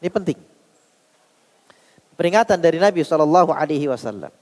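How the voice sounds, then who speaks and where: A male Islamic preacher with an Indonesian accent, giving a sermon, questioning his listeners and repeating key phrases slowly for emphasis. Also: on the high side, expressive, darkish tone. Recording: long hall reverb.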